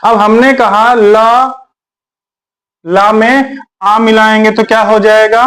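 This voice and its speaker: Slow, high-voiced male teacher. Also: flat delivery, fairly bright tone. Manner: repetitive, drills syllables aloud; clears his throat often. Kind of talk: exam-prep grammar lesson.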